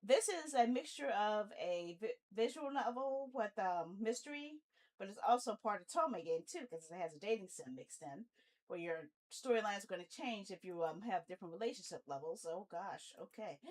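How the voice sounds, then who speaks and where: During a livestream, a woman host chats playfully while setting up a game, thinking aloud to herself as she troubleshoots. She has an expressive, mid-range, darkish voice at a moderate pace, captured in a rough recording.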